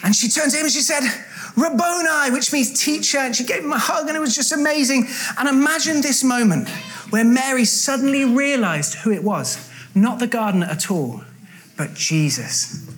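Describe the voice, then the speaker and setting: Telling a story to children with lively playfulness, a woman poses questions to her young audience. Her voice sits high and she keeps a moderate pace.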